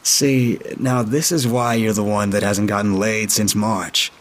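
A man's voice: fairly low pitch, steady tone, a little slow, natural voice. A man voicing a pushy, tipsy young man who wheedles and leers in a story reading. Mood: wheedling.

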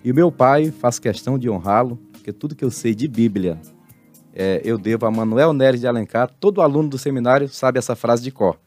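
A Brazilian pastor and retired marine in his sixties, telling his life story with preacherly emphasis in a relaxed interview. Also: mid-range voice, brisk, faint music behind. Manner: animated testimony, preacherly emphasis.

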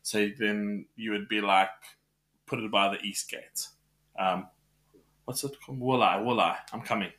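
A man co-hosting a podcast, telling stories in casual chat, animated and stumbling over his words. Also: lowish voice, unhurried, pauses often. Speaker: podcast co-host.

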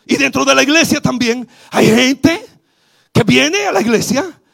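Brief: Dominican man preaching at a church service, very high husky voice, fervent and rising to shouts, calls out to the congregation. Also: expressive, unhurried. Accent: Dominican Spanish. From Dominican Republic. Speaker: bishop preaching. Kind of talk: sermon.

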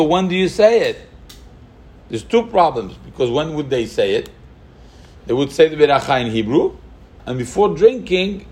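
A man teaching a halachic lesson, thinking aloud with rhetorical questions and mixing Hebrew terms into his English. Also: mid-range voice. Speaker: Torah teacher. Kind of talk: halachic lecture.

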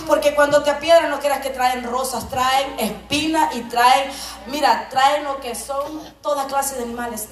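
A woman's voice: high voice, recorded from a distance. Fervent woman preaching in an echoey church. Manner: fervent, swings from quiet storytelling to shouted preaching. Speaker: preacher giving testimony. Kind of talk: spirited sermon testimony. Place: church hall. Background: music and congregation.

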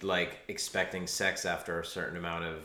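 A man's voice: deep voice, little pitch movement, fairly quick, pushed and bright, echoey room. A man co-hosting a podcast in casual, crude, joking chat, full of "like" fillers. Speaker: podcast co-host.

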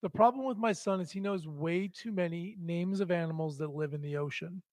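A man's voice: high-pitched, a little fast, a little mellow, dry recording. A middle-aged man chatting and bantering casually as co-host of a talk show.

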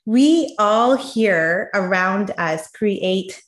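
A woman's voice: medium pitch, expressive, very slow, reverberant. A woman hosting a podcast interview, introducing her guest in an effusive, enthusiastic way. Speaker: podcast host.

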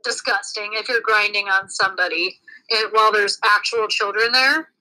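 A woman's voice: mid-range voice, fairly even intonation, moderate pace, pushed and bright, rough recording. A woman co-host in casual banter, teasing and mock-indignant, peppering her talk with "like". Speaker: co-host commenting on a book.

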